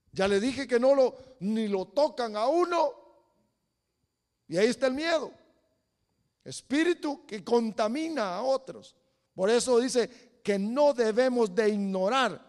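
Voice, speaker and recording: A man preaching a sermon as pastor, breaking into sudden loud exclamations and acting out quoted voices. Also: extremely high pitch. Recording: long reverb of a hall.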